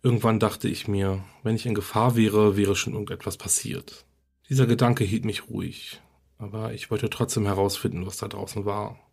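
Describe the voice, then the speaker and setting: A man with a deep, slightly breathy voice reads a horror story aloud. His delivery is calm and steady, like a podcast narrator easing listeners into a creepy night tale. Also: moderate pace.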